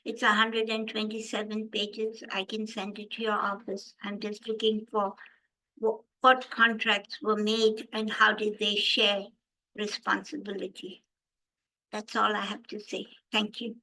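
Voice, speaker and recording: A woman giving a public comment at a meeting, speaking earnestly and haltingly as she states a complaint. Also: medium pitch, completely flat delivery, bright, forceful tone, low-quality recording.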